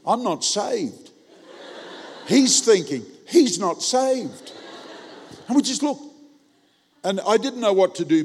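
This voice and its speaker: A man preaching with comic timing, acting out every quote and jumping from quiet asides to shouts. His voice sits high and swings widely in pitch. The sound carries a long reverb from a large auditorium. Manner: animated, comic, acts out quotes with big jumps in loudness. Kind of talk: humorous sermon storytelling.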